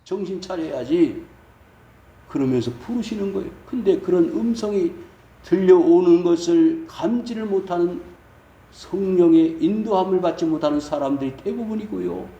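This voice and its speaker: A man preaching in a church sanctuary, his voice pitched high and ringing in a roomy, echoey hall. He throws rhetorical questions at the congregation and swings sharply between loud and soft. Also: normal speed, recorded from a distance, highs cut off. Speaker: pastor. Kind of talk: sermon.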